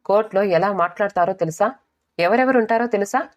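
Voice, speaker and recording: A woman's voice: medium pitch, fairly quick, lightly acted. A woman voicing an impatient young husband who talks down to his wife in an audiobook story. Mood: condescending. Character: dismissive young husband, condescending.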